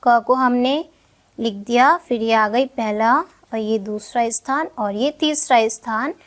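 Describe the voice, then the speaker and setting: A young woman teaching a shorthand lesson step by step, patiently asking questions and answering them herself. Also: a little high. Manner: slow, patient, checks in with "ठीक है" often.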